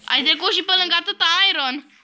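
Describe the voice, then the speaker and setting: A woman's voice: very high-pitched, noisy background. A young woman hosting a casual Minecraft let's-play, bossy and teasing toward her friend. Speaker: host.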